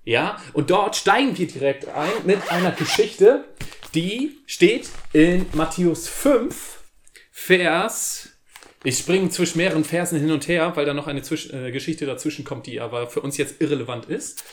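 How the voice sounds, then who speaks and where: A man with a slightly higher voice than most gives a short devotional in a relaxed, chatty way. He reads scripture aloud, then retells it loosely in everyday slang. His speech is full of restarts and casual asides. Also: measured pace, a little hiss or hum. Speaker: youth devotional host.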